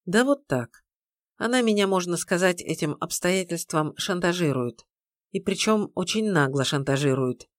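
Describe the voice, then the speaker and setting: A woman's voice: fairly low pitch, animated, normal speed, no room sound, clean studio sound, natural voice. A woman reading an audiobook, voicing a curt, tense young man speaking firmly. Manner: curt, firm.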